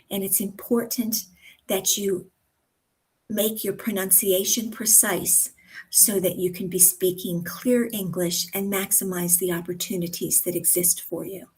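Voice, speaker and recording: American lady pronunciation coach, talks slow and careful, leans hard on example words. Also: medium pitch, low-quality recording. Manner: slow, deliberate, over-articulated example words. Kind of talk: instructional talk to camera.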